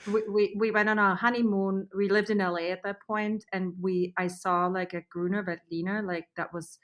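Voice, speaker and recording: A woman's voice: mid-range voice, steady tone, normal speed, a bit bright. A woman from Austria speaking as a podcast guest, adding short plain remarks. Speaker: guest, vineyard owner. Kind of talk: casual interview.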